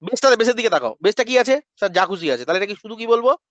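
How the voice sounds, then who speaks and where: High-voiced man teaching math, dull dry sound. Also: very animated, a bit bright, no room sound. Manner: asks and answers his own questions in students' voice; drills pronunciation slowly, then speeds up. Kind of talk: classroom lecture.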